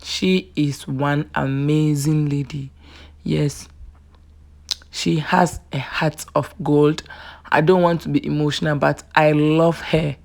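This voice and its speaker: A woman's voice: deep voice, steady tone, slow, creaky, darkish tone. A woman beauty vlogger chatting casually through a makeup tutorial, affectionate and talkative, often saying "yes" between thoughts.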